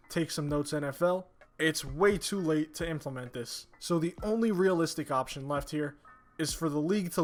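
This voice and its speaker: A man giving casual, blunt, slangy opinion commentary with swearing, recorded while sore and medicated just after having his wisdom teeth out. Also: a little high. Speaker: YouTube sports commentator.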